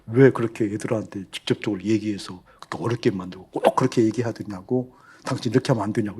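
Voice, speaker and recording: A man's voice: mid-range voice, a little mellow, slightly rough. A male pastor preaching a sermon in a conversational way, often repeating phrases for emphasis and asking the congregation rhetorical questions. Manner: chuckles often while speaking.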